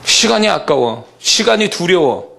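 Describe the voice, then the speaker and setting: A male pastor delivering an emphatic sermon that builds from quiet reflection to loud preaching. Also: sits high, sing-song, measured pace, vocal fry, a little hiss or hum.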